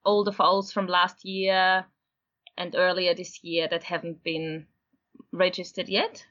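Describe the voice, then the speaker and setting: A woman from Austria, a horse breeder interviewed as a guest, explaining things in a steady, unhurried way. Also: fairly low pitch, highs cut off. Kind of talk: casual interview.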